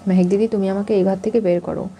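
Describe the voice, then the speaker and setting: Timid guilty young woman, read by a woman, pleading, mellow dark voice. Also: medium pitch, fairly even intonation, fast talker, a little hiss or hum, close to an everyday voice. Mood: anxious.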